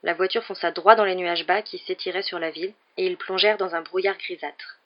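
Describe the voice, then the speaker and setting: An audiobook reader narrating a novel in an even, measured way. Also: medium pitch, muffled recording.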